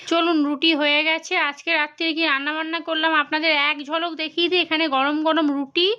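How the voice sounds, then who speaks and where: Chatty high-voiced woman vlogging at home. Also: bright, forceful tone, lo-fi sound. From India. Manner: chatty, addresses viewers directly. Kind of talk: casual home vlog narration. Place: home kitchen, indoors.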